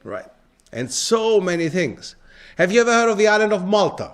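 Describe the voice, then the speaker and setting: In a lecture hall, a man with a high, sing-song voice gives an interactive lecture at normal speed to a live audience. He frequently pauses to quiz the listeners with questions.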